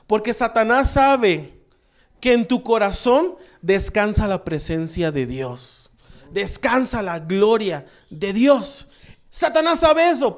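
A male pastor preaching a sermon, emphatic, repeating key phrases and asking the congregation questions. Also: high-pitched.

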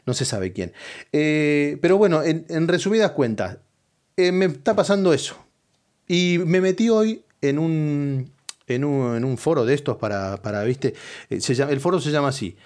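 Middle-aged man, Rioplatense accent, mid-pitched voice, crude rambling stand-up monologue. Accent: Rioplatense Spanish. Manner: crude, rambling and conspiratorial, with sudden loud outbursts. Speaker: comedian. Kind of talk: comic monologue.

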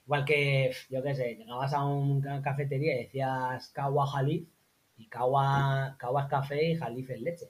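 Man, interview guest, lively anecdote teller in relaxed chat. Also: moderate pace, few pauses. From Spain. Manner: animated anecdotes, acts out quotes in high voices. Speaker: interview guest, former teacher in Morocco. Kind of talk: casual conversational storytelling.

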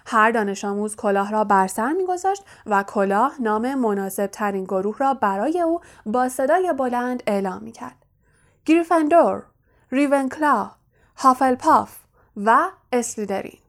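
A woman narrates an audiobook in calm, even, scripted storytelling. Her voice sits a little high.

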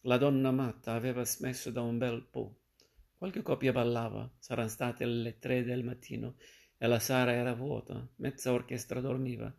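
A man reading a literary novel aloud as narrator, in a calm first-person audiobook delivery. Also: mid-range voice, moderate pace, creaky.

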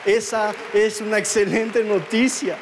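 A Guatemalan man preaches a sermon in a high, light voice. He tells it as a personal story, stumbling over repeated words and restarts as he talks to his congregation. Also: steady tone, a little slow, a little hiss or hum. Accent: Guatemalan Spanish. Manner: storytelling, with many repetitions and restarts.

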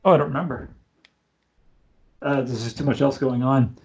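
A man's voice: medium pitch, normal speed, vocal fry. A man hosting a podcast in casual chat, joking and rambling with side notes. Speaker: podcast host.

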